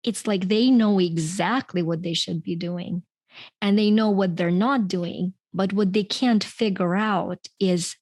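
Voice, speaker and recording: A middle-aged Ukrainian author and coach appears as a podcast guest, telling her story in a chatty interview and often laughing mid-sentence. Her medium-pitched voice is steady and a little mellow at a measured pace, recorded cleanly in a studio with no room sound.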